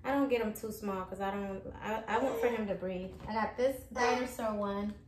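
A woman in her thirties, a vlogger, casually shows items from her shopping haul one after another in her living room. Her voice is medium-pitched and moderately paced, picked up by a camera across the echoey room amid a noisy background.

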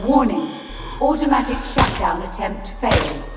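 A voice actor playing the automated alarm system of an overheating reactor, giving flat, mechanical, repeated warnings over a loudspeaker. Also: medium pitch, unhurried. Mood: urgent. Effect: loudspeaker announcement. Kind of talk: game alarm announcements. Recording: echoey loudspeaker from far off, loud music.

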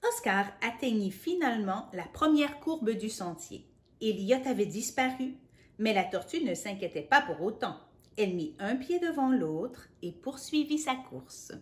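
A woman reading a picture book to children, playful and animated, adding sound effects and asides. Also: fairly high pitch, measured pace. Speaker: children's storyteller.

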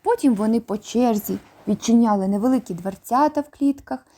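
A woman narrating a children's audiobook in a calm, expressive reading voice. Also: a little high, fairly quick.

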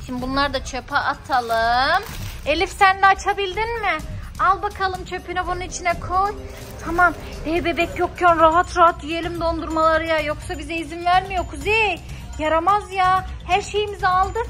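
A woman playing with her small children and talking to them in a lively, coaxing way for a family vlog. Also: very high voice, normal speed, faint music behind. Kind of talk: casual family vlog chat.

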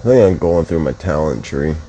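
A man's voice: a bass voice, animated, brisk, warm tone, slightly rough, rough recording. A man commentating his mobile game casually, groggy from just waking up, swearing and muttering to himself. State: just woke up, yawning.

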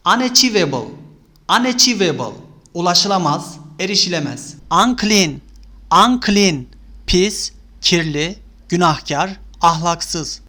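Slow, bright-voiced man reading word lists. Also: sits high. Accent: Turkish. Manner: reads each English word twice, then Turkish meanings. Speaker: vocabulary reader.

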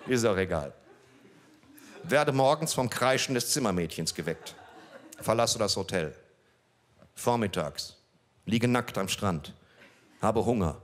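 Deadpan middle-aged man on a club stage. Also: lowish voice, a little slow, pauses often, slight background noise. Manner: deadpan storyteller, breaks off to banter with the audience. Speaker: comedian. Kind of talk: stand-up storytelling read from a page. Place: small club stage with a live audience. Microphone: handheld mic.

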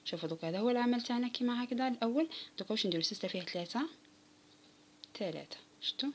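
A woman's voice: a little high, expressive, racing, slight background noise. A woman with an Algerian Arabic accent giving a step-by-step crochet tutorial, patiently counting stitches aloud and talking straight to her viewers. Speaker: crochet instructor.

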